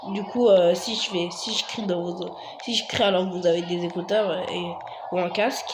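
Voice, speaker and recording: A woman giving casual commentary while playing a video game, chatting to viewers and breaking into sudden high squeals of excitement. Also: a little fast, noisy background. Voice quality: recording makes voice slightly higher. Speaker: gaming video creator.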